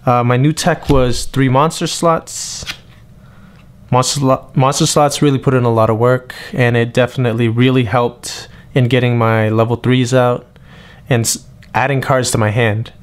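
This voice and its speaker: Young guy vlogging, annoyed rant, mid pitch, then rattles off a card list kinda flat. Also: moderate pace. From New England, US. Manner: frustrated, complaining, then listing cards flatly. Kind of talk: monologue rant and tournament report.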